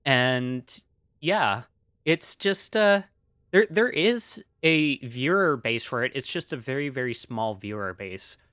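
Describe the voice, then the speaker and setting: A man's voice: medium pitch, expressive, takes it slowly, fairly bright tone, clear, resonant tone, dry recording, clean studio sound. A man streaming casually, rambling with many fillers as he reads chat aloud, still coughing after an illness.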